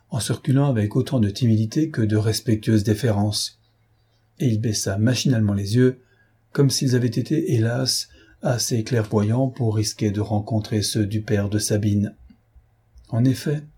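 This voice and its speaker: Mellow, husky male audiobook narrator. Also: medium pitch. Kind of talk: scripted narration of a classic novel.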